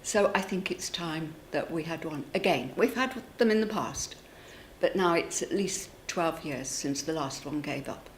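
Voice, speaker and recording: A woman's voice: low voice, lively intonation, measured pace. A woman answering in a news interview, speaking emphatically in repeated, list-like phrases. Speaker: interviewee, campaigner for a civic post. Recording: clear background ambient noise.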